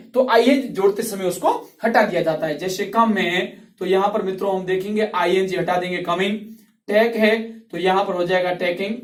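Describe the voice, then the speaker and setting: Guy teaching english grammar, patient, repeats stuff a lot, echoey room, kinda far from the mic. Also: high-pitched. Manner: patient and repetitive, drawing out sounds. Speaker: English tutor. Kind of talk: classroom grammar lesson. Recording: roomy, voice from off the mic.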